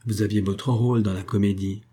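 Storybook role: male narrator doing a grave, bitter young officer, husky and low. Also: steady tone, dark tone. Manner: grave, measured, growing harsh.

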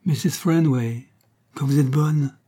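A man reading a polite, evasive spinster lady of the house in an audiobook, lifting his voice into bright, chatty, formal talk. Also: medium pitch, slow pace, pitched above the performer's own voice. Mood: gracious chatter.

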